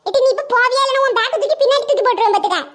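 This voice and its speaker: A woman's voice: extremely high pitch, fairly bright tone, a little hiss or hum. A woman voicing a bossy, quarrelsome schoolgirl in a cartoon, speaking with a Tirunelveli Tamil accent and a threatening, teasing manner. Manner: bossy, threatening, quick banter. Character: bossy, quarrelsome schoolgirl fighting over a seat. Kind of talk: comic cartoon voice acting.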